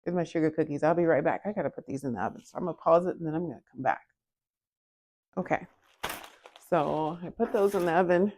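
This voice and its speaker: A woman in a home kitchen telling a story while baking, talking casually to the camera in front of her, lively, acting out quoted voices with jumps in pitch. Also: fast talker, long pauses. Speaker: vlogger.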